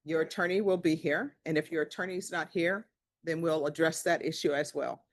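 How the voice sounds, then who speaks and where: Woman judge, firm and measured, lecturing from the bench. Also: sits low, fairly even intonation. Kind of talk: courtroom proceedings. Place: courtroom.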